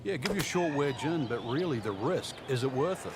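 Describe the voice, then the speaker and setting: A man's voice: medium pitch, expressive, moderate pace, lightly acted. A man giving conversational, explanatory golf commentary as the analyst alongside an announcer. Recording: loud outdoor background noise.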